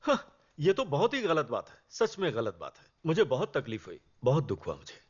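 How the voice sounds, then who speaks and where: A man's voice: fairly high pitch, huge pitch swings, moderate pace, breathy edge, heavily acted. A man dubbing a goofy, flirtatious rustic man who mixes broken English and village dialect. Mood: mock regret. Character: playful man, Lucky Singh, rustic flirt. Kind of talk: Hindi film dub. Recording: dull film dub with music.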